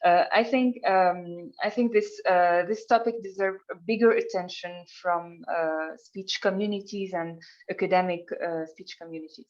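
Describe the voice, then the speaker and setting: A woman's voice: lowish voice, steady tone, normal speed, darkish tone. Hesitant woman from Tunisia, muffled. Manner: hesitant, many fillers. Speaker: panel guest. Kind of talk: panel discussion.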